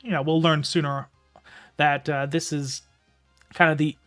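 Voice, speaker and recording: Guy streaming a book reading, rambly casual talk with lots of ums, slightly high voice, faint music behind. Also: level tone, unhurried, fairly bright tone. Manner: casual, rambling, with filler words. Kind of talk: live reading and casual commentary.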